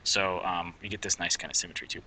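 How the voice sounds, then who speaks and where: Low-voiced math teacher guy, rambly, keeps fixing what he just said, crisp bright tone. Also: steady tone, fast, dry recording, rough recording. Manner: rambling, self-correcting, thinking aloud. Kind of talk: casual recorded math lesson.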